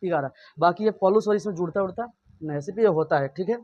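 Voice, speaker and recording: A man's voice: high-pitched, quick pace, a little mellow, no echo, lo-fi sound. A young man teaching a grammar lesson, asking the class questions and answering them himself, repeating each point.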